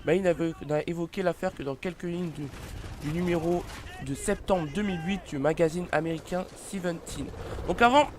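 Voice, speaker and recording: A man's voice: fairly high pitch, fairly quick. Hesitant young man reading celebrity facts. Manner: hesitant, many fillers and restarts, apologetic. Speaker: YouTuber presenting a celebrity biography. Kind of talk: casual read-aloud commentary. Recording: faint background noise.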